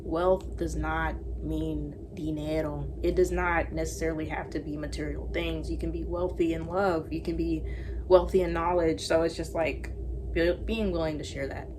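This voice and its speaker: A woman speaking in a heartfelt, reflective confession, like a personal vlog, unhurried and sincere. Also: sits low, fairly even intonation, background noise. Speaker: tarot card reader. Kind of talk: reads affirmations aloud slowly.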